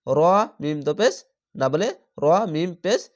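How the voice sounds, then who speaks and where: Man slowly spelling out Quran words. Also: fairly high pitch, animated, a little mellow. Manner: slow, drawn-out syllable-by-syllable spelling, then chanting the word; patient explanatory tone. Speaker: Quran reading teacher. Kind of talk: spelling-out Quran recitation lesson.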